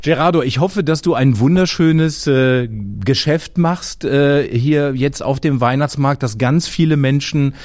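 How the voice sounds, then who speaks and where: A man's voice: medium pitch, a little slow, few pauses, a little mellow, no room sound. A man hosting an interview podcast, asking friendly, chatty questions with fillers. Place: Christmas market.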